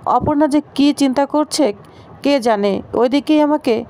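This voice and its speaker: A woman reading a calculating male friend's lines in her own high voice. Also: normal speed, mellow, slight background noise, close to an everyday voice.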